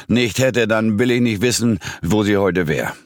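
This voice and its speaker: A man voicing a gruff, forceful-voiced man sitting at a pub counter, in an audiobook. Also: on the low side, a little slow, no echo, studio quality, pitched above the performer's own voice, lightly acted. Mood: worked up. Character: gruff loud male barfly on a stool.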